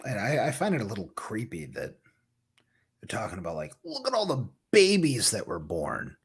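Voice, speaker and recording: Casting note: male co-host, husky tone, lively, sarcastic delivery. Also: on the low side, normal speed. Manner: sarcastic, mocking. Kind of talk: casual political chat.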